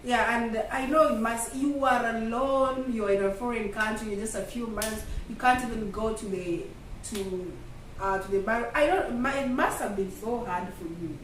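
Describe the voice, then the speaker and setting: A woman's voice: fairly high pitch, moderate pace. A woman from Kenya with a Kenyan accent, hosting a casual sit-down vlog chat and speaking conversationally to viewers. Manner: conversational, addresses viewers as "guys". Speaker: vlog host. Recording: echoey room, distant mic, faint noise.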